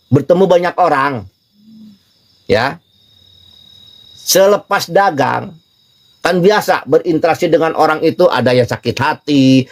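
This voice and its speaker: A man with an Indonesian accent giving an informal religious study talk, telling stories and acting out the dialogue while joking with his listeners. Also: mid-range voice. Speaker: religious teacher.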